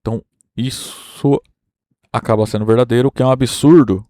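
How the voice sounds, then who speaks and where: A man's voice: mid-range voice, steady tone, a little fast, mellow, no echo, studio quality. Brazilian man lecturing through a proof. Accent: Brazilian Portuguese. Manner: explains step by step, checking in with "tá?" and "né?". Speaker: university math lecturer.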